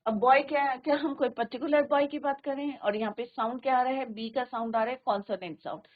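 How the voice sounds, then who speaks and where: A woman with an Indian accent leads a virtual classroom lesson, posing question after question to the pupils and answering each one herself. Her voice sits fairly high. It comes through a narrow, phone-like channel. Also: fairly even intonation, fast talker. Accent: Indian English. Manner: asks pupils questions and answers them herself, mixing Hindi and English. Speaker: English teacher.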